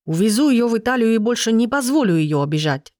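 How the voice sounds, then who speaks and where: A woman's voice: medium pitch, animated, measured pace, darkish tone, no room sound, studio quality, lightly acted. A woman voicing an angry young man who mutters to himself, indignant and protective of the woman he loves, in a read-aloud story.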